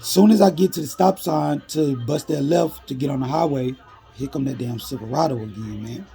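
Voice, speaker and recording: A man's voice: medium pitch, moderate pace, gravelly, mellow. A man casually narrating a storytime in street slang, laid-back and full of "you know".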